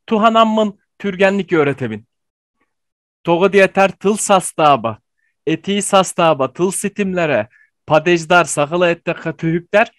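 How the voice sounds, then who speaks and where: A man giving an online language lesson, explaining slowly with frequent pauses and fillers. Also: high-pitched, no echo. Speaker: language teacher.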